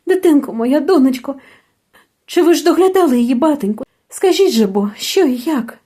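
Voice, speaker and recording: A woman's voice: high voice, lively intonation, normal speed, a little mellow, voice pushed up. A woman reading a story, voicing a desperate young peasant mother who pleads in tears. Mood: frantic. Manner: pleading, tearful.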